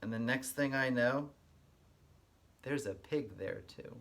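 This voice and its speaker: Slow and with noticeable vocal fry, a man's medium-pitched voice carries a spirited story reading for small children. As a kindergarten teacher, he keeps his explanations simple.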